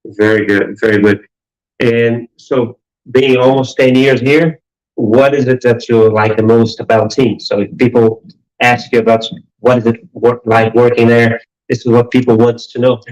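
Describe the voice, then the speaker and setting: A man's voice: mid-range voice, flat delivery, moderate pace, a little mellow, poor audio. Brief: male host of a live interview, mid-range voice, informal and improvised. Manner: informal, improvising, stop-start phrasing.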